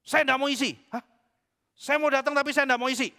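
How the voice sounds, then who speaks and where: A male pastor voicing an arrogant, boastful man who loves to pick debates, loud and pushy. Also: extremely high pitch, fairly even intonation, a little fast, voice pushed up. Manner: loud, pushy, self-important. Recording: echoey church hall.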